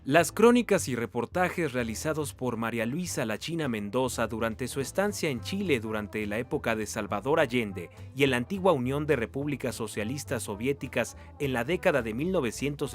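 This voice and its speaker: Formal male news narrator over music. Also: mid-range voice. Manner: steady, formal read. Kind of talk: scripted narration.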